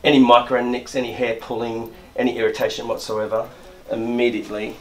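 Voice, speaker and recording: Middle-aged barber talking through a shave. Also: male voice, mid-range voice, little pitch movement, brisk. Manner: explains while working, frequent restarts and repeated words. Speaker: barber and shop owner. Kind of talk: step-by-step grooming demonstration. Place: indoor barber shop.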